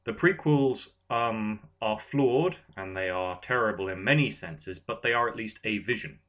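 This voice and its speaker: Lowish, expressive, and a bit bright, this man's voice moves at a moderate pace while he hosts a relaxed panel conversation. The podcast host is half Irish, half English, hails from Ireland and England, and speaks animatedly with an English accent and Irish lilt.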